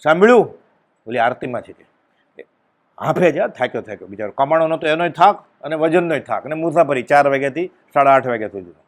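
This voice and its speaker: A man giving a devotional discourse, telling a story and acting out its dialogue with sudden loud exclamations. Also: mid-range voice, lively intonation, quick pace. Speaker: spiritual discourse speaker.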